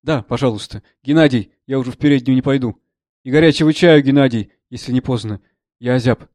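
Polite, soft-spoken middle-aged professor in a read play, voiced by a man, gentle apologetic tone, dry sound. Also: medium pitch, a little fast, no echo, natural voice. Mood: courteous. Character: mild, courteous middle-aged male professor.

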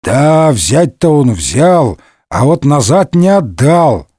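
A man voicing a big, weepy middle-aged musketeer in a comic audiobook, wailing and lamenting in slow, drawn-out complaints. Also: a little high, very animated, mellow, slightly rough, no room sound, studio quality, heavily acted.

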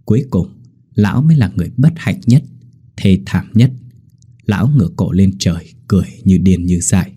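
A man narrating a horror story in a steady, grim manner. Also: low voice, moderate pace, breathy edge.

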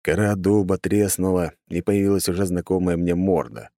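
A man's voice: sits low, normal speed, dark tone, dry recording. Man narrating an audiobook, dry close sound. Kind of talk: first-person audiobook narration.

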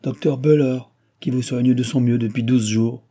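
A man's voice: medium pitch, fairly even intonation, moderate pace, mellow, slightly rough. A man voicing a tall, bony American doctor who speaks French with a guttural foreign accent, placid but firm and grumbling. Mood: placid, reassuring.

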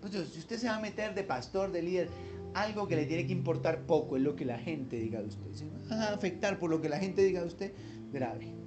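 A man's voice: a little high, lively intonation, brisk. A man preaching a sermon as pastor, emphatic and conversational, with wry asides, over background music.

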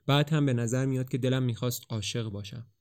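A man's voice: medium pitch, fairly even intonation, a little mellow, natural voice. A man reading a proud, curt young woman. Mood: dreamy. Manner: curt, dismissive, then dreamy.

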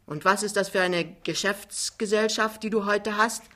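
A woman voicing a sullen, stern young man who speaks gruffly and curtly in an audiobook reading. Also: medium pitch, fairly even intonation, moderate pace, bright, forceful tone, lightly acted. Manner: gruff, curt.

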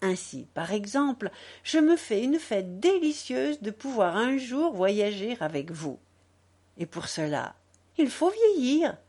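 Woman voicing young society lady, radiant, effusive, high bright voice, slow lingering delivery. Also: big pitch swings, breathy edge, exaggerated voice. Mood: tender. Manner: bright, effusive, raised pitch. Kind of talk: audiobook character reading.

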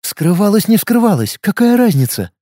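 Guy doing a sharp-tongued young woman, mortuary makeup artist, high, jumpy, snappy. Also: big pitch swings, moderate pace, no echo, clean studio sound. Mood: indignant. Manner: snappy, indignant.

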